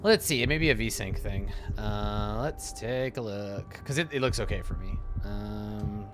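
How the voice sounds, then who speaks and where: A man's voice: fairly low pitch, a little slow, noisy background. A man giving casual, goofy and irreverent commentary while streaming a video game. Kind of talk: casual, joking gameplay commentary. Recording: game music behind the voice.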